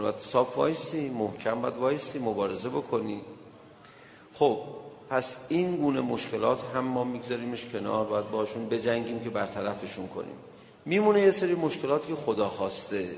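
A man delivers an earnest sermon, retelling old religious stories and urging his listeners to act. His voice is gravelly and sits in an ordinary middle register. A long reverb trails every phrase, as in a large hall. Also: mid-range voice, slight background noise. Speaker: preacher. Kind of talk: sermon with storytelling.

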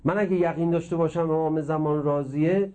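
A middle-aged man with a high-ish, steady voice preaches a religious sermon, emphatic and impassioned. He blends teaching with stories and swings between loud and hushed delivery.

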